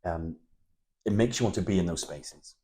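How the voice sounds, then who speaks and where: A man with a low, dark-toned voice interviews an architect at normal speed. He asks open questions in an admiring, encouraging way, dropping in many short affirmations.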